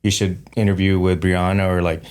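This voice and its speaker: A man hosting a casual podcast interview, talking in a relaxed, rambling way with many fillers. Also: sits low, a little fast, clean tone. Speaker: podcast host.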